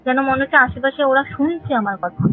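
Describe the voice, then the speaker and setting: On a tinny phone line with faint music behind her, a woman caller recounts a haunting, her voice sitting high and fairly quick. It's phone-in storytelling about a ghost experience. She sounds earnest and scared, rambling as she remembers.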